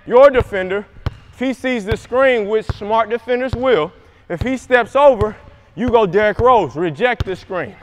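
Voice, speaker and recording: This is a coaching demo by a young basketball trainer who shouts energetic calls on court inside a large indoor gym. His voice sits high and comes across smooth.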